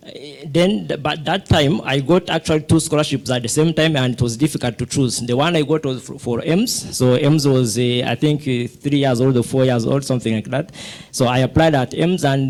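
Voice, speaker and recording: A man's voice: fairly high pitch, darkish tone. A middle-aged man from Rwanda speaking as a physicist on a panel, telling his story with many restarts and fillers. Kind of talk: panel talk, personal story.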